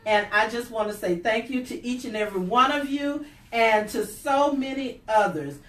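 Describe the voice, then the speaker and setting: Older woman giving cheerful shout-outs, roomy. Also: fairly high pitch, animated, normal speed, far from the mic. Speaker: author and host. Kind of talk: announcements and thank-yous.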